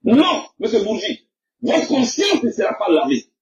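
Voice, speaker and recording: A man shouts in anger during an impassioned speech, his voice very high and swinging widely in pitch. The sound comes from a played clip with a roomy echo and a dull, muffled tone. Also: huge pitch swings, unhurried.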